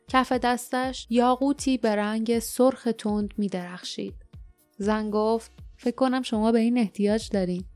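A woman narrates an audiobook in a measured, even storytelling style. Her voice is mid-range, and there is no room sound.

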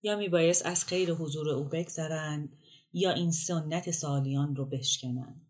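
A woman narrates a literary short story in a calm, measured way. Her voice sits low for a woman. The reading is steady and unhurried, like an audiobook. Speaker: story reader.

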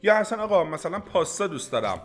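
A man teaching a podcast language lesson, coaching the listener directly with quick prompts, drills and praise. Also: sits high, big pitch swings.

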